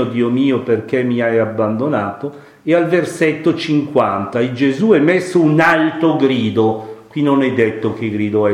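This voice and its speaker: A man's voice: medium pitch, a little mellow. A man preaching a sermon, commenting on a Bible passage in a reflective way, repeating key phrases and asking rhetorical questions. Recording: echoey room.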